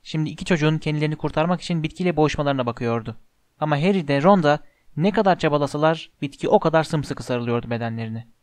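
A man's voice: fairly high pitch, expressive, rapid-fire, darkish tone, no echo. Man narrating an audiobook, dry close sound. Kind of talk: storybook narration.

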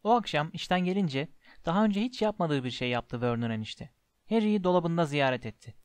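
A man narrating a story in a measured, expressive reading. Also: fairly high pitch, clean tone, no echo. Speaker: audiobook narrator.

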